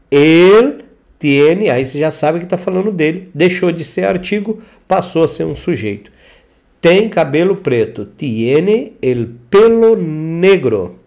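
A man gives an online language lesson over slides, drilling each word again and again. His voice sits a little high and swings widely in pitch. He moves at an unhurried pace and keeps checking that the listener is following. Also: darkish tone. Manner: repeats words slowly for pronunciation drills; checks in with the learner often. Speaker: Spanish language instructor.

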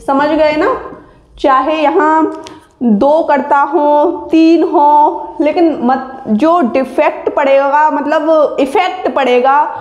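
High-voiced woman teaching grammar slowly. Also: darkish tone, reverberant, lo-fi sound. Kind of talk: exam-prep grammar lesson.

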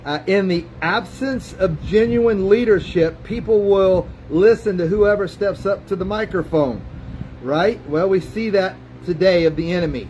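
High-voiced male pastor preaching. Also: measured pace, darkish tone, slight background noise, rough recording. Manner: folksy preaching, frequent "amen" call-outs, some restarts. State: has the hiccups. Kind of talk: sermon.

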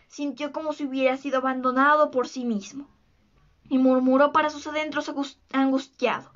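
A woman reading a children's book aloud as a storyteller, slow and expressive. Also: high voice, highs cut off.

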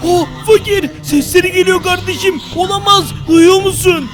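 A high-pitched man narrates a Minecraft role-play in loud, frantic bursts. He repeats words over and over as the action heats up and talks straight to his viewers. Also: fairly even intonation, moderate pace, music in the background. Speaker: gaming YouTuber.

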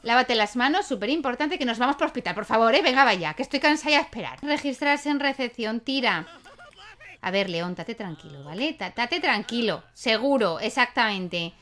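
A young woman talks through her game in a fairly high voice, chatting away and scolding her characters. Her tone stays casual and playful. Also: animated, moderate pace, fairly bright tone. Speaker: gaming YouTuber. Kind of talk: casual gameplay commentary.

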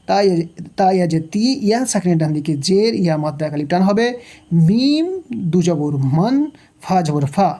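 A woman teaching tajweed, slowly spelling out letters and vowel marks, asking the learner questions and drilling each rule with patient repetition. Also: fairly low pitch, expressive, mellow. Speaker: Quran recitation teacher. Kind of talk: tajweed lesson, spelling out and reciting verses. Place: home recording, unseen.

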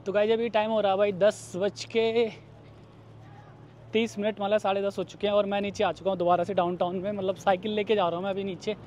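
A man's voice: high-pitched, little pitch movement, fairly quick, darkish tone, slight background noise. A man in his thirties from India, chatting casually to viewers as he vlogs outdoors on city streets at night, phone held at arm's length. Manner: chatty, addresses viewers as guys and brother. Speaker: vlogger. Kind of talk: casual vlog narration.

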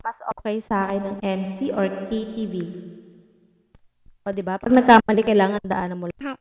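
A woman's voice: medium pitch, fairly even intonation, normal speed, a little mellow. Woman vlogger talking into a mic demoing a sound card, chatty and loose, lots of fillers. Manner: chatty, mixes English into Filipino, many fillers. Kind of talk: casual tech demo chat. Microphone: microphone into a sound card.

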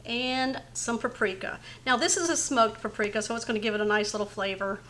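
A fairly high, steady, fairly bright voice belongs to a middle-aged home cooking host who talks briskly. Slight background noise runs under her relaxed step-by-step casserole demonstration in her own kitchen.

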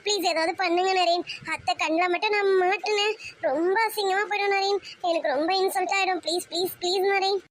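A woman's voice: extremely high pitch, fairly even intonation, a little fast. A woman voicing a flustered, playful young woman in love, pleading and fretting in an amateur audio romance story.

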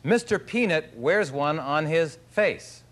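A man's voice: a little high, over loud music. A man hosting a TV game show in a studio, bantering playfully with celebrity contestants and reading clues. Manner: lively, playful, quick banter. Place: TV studio with live audience.

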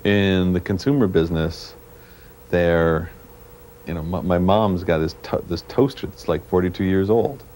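A man from Canada, a programmer being interviewed, talking in a halting way and searching for his words, heard on a worn VHS tape copy. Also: low-pitched, a little mellow. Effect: worn VHS tape copy with faint hiss. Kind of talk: casual interview talk. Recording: worn tape with faint hiss.

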